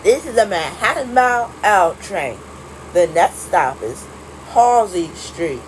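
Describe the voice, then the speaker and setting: A woman making recorded subway train announcements, stop by stop in a flat, measured announcer delivery. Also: on the low side, slight background noise, poor audio.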